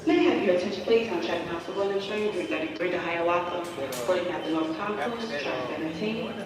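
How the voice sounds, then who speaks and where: A train station announcer making a formal, measured boarding announcement, heard through station loudspeakers. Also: medium pitch. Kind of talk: public address announcement. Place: large train station concourse. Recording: echoey vast hall from far off. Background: loud crowd bustle.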